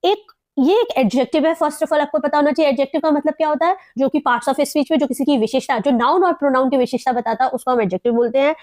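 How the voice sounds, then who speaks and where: High-voiced Indian woman teaching words. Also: a little mellow, dry recording, studio quality. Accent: Indian English. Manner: explains slowly, repeats words and spells out pronunciation. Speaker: English vocabulary teacher. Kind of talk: Hindi-English vocabulary lesson.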